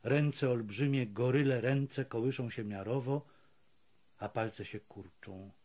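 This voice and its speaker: A man with a husky voice reading literary prose as an audiobook narrator, measured and expressive. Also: medium pitch. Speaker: audiobook reader.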